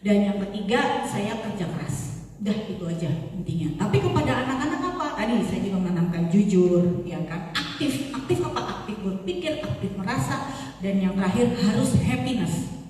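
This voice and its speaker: A woman giving a parenting seminar, talking in a lively, chatty way and teasing the audience. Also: medium pitch, normal speed. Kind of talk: seminar talk. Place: large seminar hall. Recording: echoey hall, far from mic.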